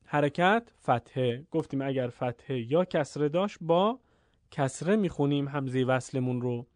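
A man teaching Quran reading in a lesson. He explains the rules quickly and says the example words slowly and drawn out. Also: mid-range voice, expressive, a little mellow, no room sound, studio quality. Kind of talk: lesson with slow word drills.

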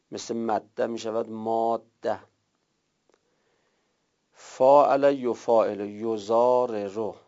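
A male teacher gives a classroom lecture with a gravelly, dark voice. He works through word forms patiently, stretching each one out slowly as students take notes. The recording is dull and muffled. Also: mid-range voice. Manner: tells students to write things down. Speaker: teacher of Arabic grammar and Quran.

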